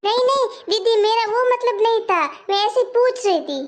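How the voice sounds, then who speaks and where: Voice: very high voice, moderate pace. A performer playing a dutiful, deferential young daughter-in-law in a comic family skit. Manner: polite, deferential.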